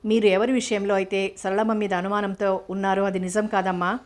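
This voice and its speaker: A humble, devoted housemaid earnestly pleading with her mistress, as a woman voices her. She speaks softly and respectfully in a mid-pitched, level voice. A storybook reading. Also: flat delivery, a little fast, lightly acted.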